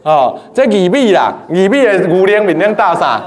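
A man teaching a class, lively and playful, often quizzing his students. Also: high-pitched, moderate pace. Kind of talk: lecture to a class.

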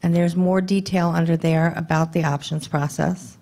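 A woman in her thirties giving a conference talk at a podium microphone in a dim hall, brisk and conversational, throwing rhetorical questions to the audience. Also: sits low, fairly even intonation, mellow. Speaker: government contracting presenter. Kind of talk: conference presentation.

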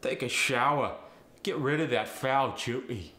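A man's voice: medium pitch, measured pace, bright, forceful tone. A man voicing a cheeky working-class Cockney bloke with a Cockney accent, punchy and colloquial, acting out example sentences for a slang lesson. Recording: roomy echo, faint background noise.

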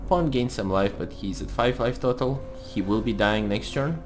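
A man's voice: medium pitch, expressive, normal speed. A man giving casual gameplay commentary, thinking aloud as he plays. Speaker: host of a card game let's play series. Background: music.

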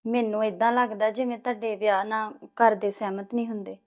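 A woman's voice: mid-range voice, flat delivery, fairly quick, dull audio, lightly acted. An actress playing a new bride who hesitantly questions her husband about his family. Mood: worried. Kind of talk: village family drama acting.

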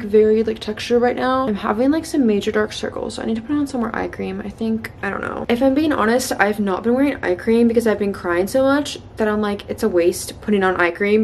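A woman's voice: medium pitch, a little hiss or hum. A young woman vlogger chatting casually to a camera in a home kitchen. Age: young adult. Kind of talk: casual vlog chat.

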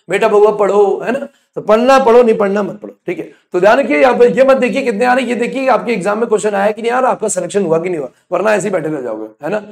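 A man's voice: sits high, gravelly. A man teaching an online exam-prep class, quizzing students and answering his own questions, sometimes scolding bluntly. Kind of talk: online exam coaching lecture.

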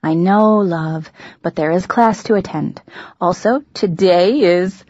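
A woman's voice: lowish voice, slow pace, a little mellow, no echo, lo-fi sound. Woman reading as a cheerful doting mom. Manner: eager and cheerful. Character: doting, upbeat middle-aged mother. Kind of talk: audiobook dialogue.

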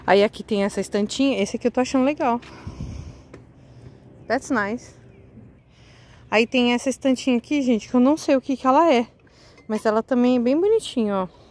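A woman's voice: fairly high pitch, moderate pace, pauses often, darkish tone, poor audio. A woman, chatting eagerly to her viewers while she shows things outdoors on a street. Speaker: vlogger. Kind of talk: casual vlog walkthrough.

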